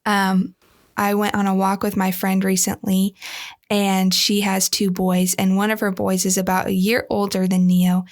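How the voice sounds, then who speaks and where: A young woman co-hosting a faith podcast, gushing in casual chat with animated storytelling. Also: mid-range voice, normal speed. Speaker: podcast co-host.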